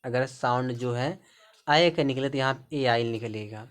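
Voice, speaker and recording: A man teaching a spelling lesson, slowly and patiently spelling out each word letter by letter. His voice is smooth and clear, and he holds a middle pitch. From India. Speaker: English teacher.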